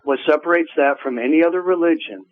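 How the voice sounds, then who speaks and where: Preachy guy calling into a radio show, slightly high voice, muffled phone line. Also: fast talker. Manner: preachy, evangelizing. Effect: calling in over a phone line. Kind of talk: phone-in call.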